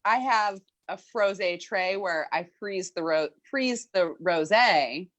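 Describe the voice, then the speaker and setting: A woman's voice: fairly low pitch, slow, a bit bright, highs cut off. A woman co-hosting a casual chat, sharing tips with a laugh. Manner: chatty, shares tips with a laugh. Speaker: co-host.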